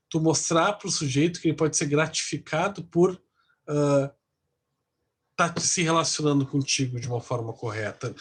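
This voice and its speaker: A man's voice: on the high side, breathy edge. A male psychology lecturer, explaining patiently in a class and often ending sentences with a questioning "né?".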